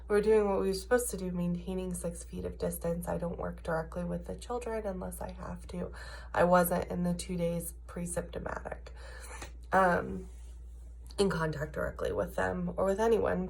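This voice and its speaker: Sick with a cough and stuffed-up sinuses, the American woman in her early thirties vents emphatically and casually in her video diary. She speaks with fairly low pitch, vocal fry, and a darkish tone against slight background noise.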